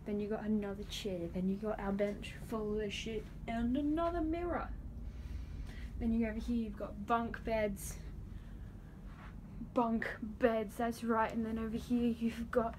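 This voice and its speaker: A young woman vlogging casually from a small ship cabin, giving a jokey, deadpan room tour into a phone held at arm's length. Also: fairly high pitch, a little slow, rough recording. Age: young adult. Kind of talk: casual vlog narration. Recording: loud background noise.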